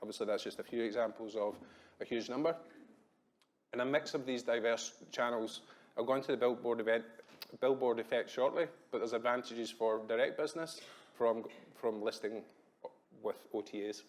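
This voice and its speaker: Glaswegian man, thirties, conference talk, quick and chatty, self-deprecating, frequent ums. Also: medium pitch, fairly even intonation. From Scotland. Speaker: conference speaker. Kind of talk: business presentation. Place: hotel conference room.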